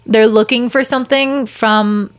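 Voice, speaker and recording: A woman's voice: fairly high pitch, fairly even intonation, a little slow. A woman co-hosting a podcast, talking thoughtfully and hedging with "like" and "I feel like". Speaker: podcast co-host. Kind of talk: casual podcast chat.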